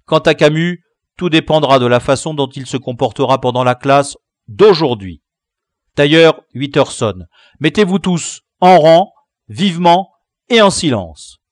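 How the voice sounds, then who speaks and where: A man's voice: on the high side, expressive, a little slow, dry recording, clean studio sound. A man voicing a stern village schoolmaster issuing punishments and orders in a storybook. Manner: stern, commanding.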